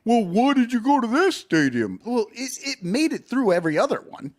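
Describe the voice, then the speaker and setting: A man co-hosting a casual baseball chat, wry and rambling with halting restarts. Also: very high voice, sing-song. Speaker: podcast co-host.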